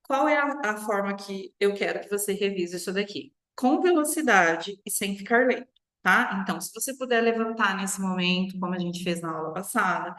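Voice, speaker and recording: A Brazilian woman teaches English pronunciation, her voice at an ordinary middle pitch. She drags out each model phrase slowly, then explains at a brisk clip. The room around her rings with a noticeable echo. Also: lively intonation, a bit bright. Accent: Brazilian Portuguese. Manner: slow, drawn-out model phrases followed by quick explanations, frequent "tá?". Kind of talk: online English pronunciation lesson.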